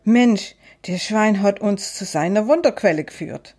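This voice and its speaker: A woman voicing two scheming male hunters in a storybook reading, with a slow, drawling delivery. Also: medium pitch, a little mellow, husky.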